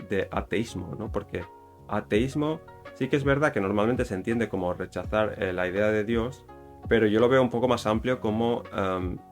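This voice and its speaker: Rambling Spaniard with a lowish voice. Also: male voice. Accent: Spain Spanish. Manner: rambling, with many fillers and self-corrections. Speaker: YouTuber explaining Japanese culture. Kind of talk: casual explanatory talk.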